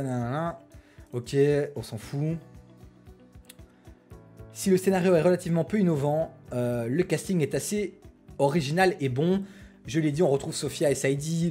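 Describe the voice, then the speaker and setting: A man's voice: on the high side, darkish tone, breathy edge. A man with a French accent hosting a casual live stream, chatty, with many fillers and restarts as he reads out his chat. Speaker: Twitch streamer host.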